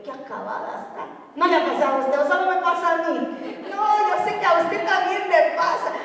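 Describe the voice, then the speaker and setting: A woman pastor, preaching a lively sermon and asking the congregation questions. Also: very high voice. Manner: lively, talks straight to the congregation with rhetorical questions. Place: church. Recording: echoey church hall from far off.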